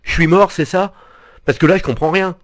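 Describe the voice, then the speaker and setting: A man's voice: high voice, normal speed, no echo, close to an everyday voice. An actor playing a confused teenager stuck in a grown man's life, baffled and exasperated.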